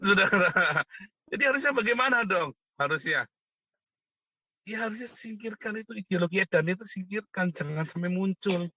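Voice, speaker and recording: A man's voice: on the high side, pushed and bright, no room sound. A man delivering a mocking, provocative monologue, constantly asking for agreement. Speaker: online commentator. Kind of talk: ranting monologue.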